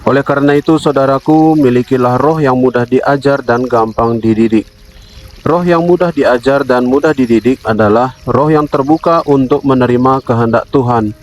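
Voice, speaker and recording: A man's voice: medium pitch, a little hiss or hum, poor audio. Solemn man leading a devotional. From Indonesia. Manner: solemn, measured, addresses listeners as brother. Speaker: devotional speaker.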